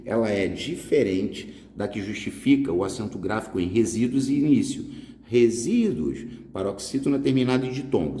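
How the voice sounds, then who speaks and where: Dark-voiced teacher in echoey room. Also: male voice, lowish voice. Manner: explains step by step, asks himself questions and answers them. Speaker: exam prep teacher. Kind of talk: casual Portuguese grammar lesson. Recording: echoey room with long reverb.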